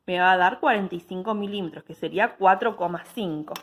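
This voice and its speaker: Speaking briskly in a fairly low-pitched voice, a woman gives a patient, step-by-step technical drawing lesson. She checks in with her students after every step.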